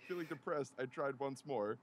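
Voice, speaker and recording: A man reading a comic fan story aloud in a steady voice, sometimes breaking down laughing. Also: mid-range voice, moderate pace, slight background noise. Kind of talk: comedic dramatic reading.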